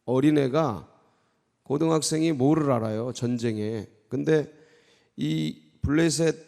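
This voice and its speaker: A male pastor giving a dawn sermon, retelling the story in an animated way with frequent prompting asides to the congregation. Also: mid-range voice, a little slow, vocal fry. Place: church sanctuary. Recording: long church reverb.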